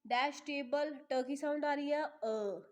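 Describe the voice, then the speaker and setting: A woman with an Indian accent teaching English grammar, reading examples slowly and deliberately, then explaining quickly in Hindi. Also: high-pitched. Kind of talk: classroom grammar lesson.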